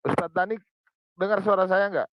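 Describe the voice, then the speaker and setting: Brief: male call participant, high voice, phone held away, far off-mic. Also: normal speed, fairly bright tone, no echo. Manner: checking if others can hear him. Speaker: participant in an online religious discussion.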